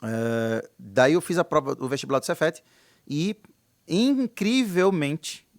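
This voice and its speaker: A man's voice: fairly high pitch, expressive, slow pace, dry recording, clean studio sound. A man in his late thirties from Recife with a Pernambuco accent, a podcast guest chatting casually about his life, hesitant and full of fillers. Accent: Pernambuco Portuguese. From Recife, Brazil. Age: 30s. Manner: laid-back, hesitant, lots of fillers and restarts. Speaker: podcast guest, air-conditioning instructor.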